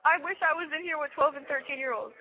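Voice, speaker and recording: Fast-talking young woman over a tinny phone. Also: sits high. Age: young adult. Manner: fast, casual slang-filled talk. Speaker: inmate calling family. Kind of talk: phone call. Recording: tinny jail phone line.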